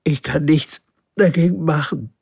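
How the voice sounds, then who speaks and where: A man's voice: a little high, measured pace, creaky, darkish tone, breathy edge, no echo, studio quality, pitched above the performer's own voice, heavily acted. A man voicing a shy, polite little prince in a storybook, asking timid questions. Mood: shy, wondering.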